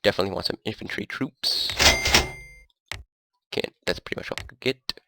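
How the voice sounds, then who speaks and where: A man with a lowish, creaky voice talks at a moderate pace, stuffy-nosed and coughing, as he plays a strategy game. He's a gameplay commentator doing casual let's play commentary, relaxed and rambling, thinking aloud. Loud background noise fills the recording.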